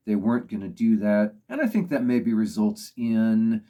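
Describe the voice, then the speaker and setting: A man's voice: fairly low pitch, normal speed, dark tone. A man talking through his opinions on songs in a thoughtful, casual way, leaning on "you know" as he goes. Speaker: music reviewer. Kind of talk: casual spoken commentary.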